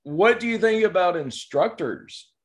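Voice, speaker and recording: Casual podcast co-host, man, Southern accent, slightly high pitch, laughs easily. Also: animated, unhurried. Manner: chatty, laughs often. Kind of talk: casual chat.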